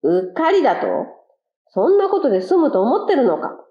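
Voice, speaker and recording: A woman voicing an indignant, shouting male quail. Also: a little high, huge pitch swings, normal speed, roomy sound. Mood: angry. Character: touchy, quarrelsome male quail. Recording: dull lo-fi recording.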